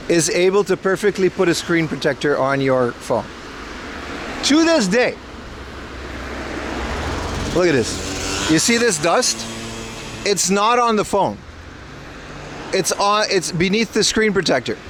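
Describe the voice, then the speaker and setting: A man's voice: high voice, lively intonation, unhurried, pauses often. A man from Aruba with an American accent, chatting casually as a livestream host in a rambling, slangy, playful way. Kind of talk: casual outdoor livestream chat. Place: outdoors in a rural Japanese town on a rainy day. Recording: noisy outdoor street with passing cars. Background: traffic and outdoor ambience.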